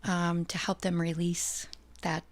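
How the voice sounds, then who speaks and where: This podcast guest is a middle-aged woman from the United States, chatting in a relaxed interview. She talks slowly in a fairly low, level tone, sounding thoughtful and sincere while laughing readily.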